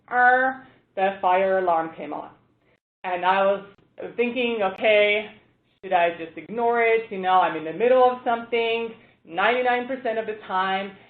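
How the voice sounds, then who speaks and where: Female expert presenter from Estonia, mid pitch, casual anecdotal delivery; echoey, tinny audio. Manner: chatty, storytelling with fillers. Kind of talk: conversational presentation. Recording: tinny phone line, echoey room.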